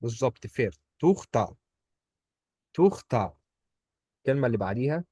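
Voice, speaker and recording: A man's voice: medium pitch, lively intonation, fairly quick, dark tone, no room sound, clean studio sound. A man with an Egyptian Arabic accent, teaching German pronunciation one-on-one, patiently repeating each word for his student. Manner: patient, drills words by repeating them.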